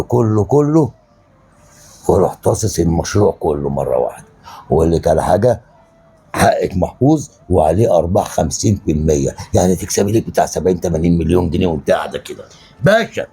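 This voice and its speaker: Guy acting as a husky egyptian con man, fast lively talk, coaxing then yelling. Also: sits low. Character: scheming middle-aged con-man stepfather, smooth-talking and hot-tempered. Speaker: actor. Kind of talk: web drama acting.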